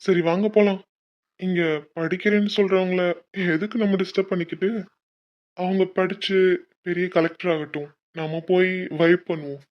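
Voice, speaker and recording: A man's voice: high-pitched, fairly even intonation, moderate pace, muffled recording, close to an everyday voice. A man voicing a young male college senior in a cartoon, teasing and affectionate. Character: young male college senior, playful then tender husband. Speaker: voice actor for a cartoon. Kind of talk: cartoon dialogue.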